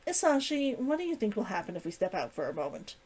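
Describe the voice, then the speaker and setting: A woman's voice: mid-range voice, sing-song, fast, a little mellow, slightly rough. A woman voicing a curious, restrained male adventurer in a story reading. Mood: challenging. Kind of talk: acted dialogue in a story reading.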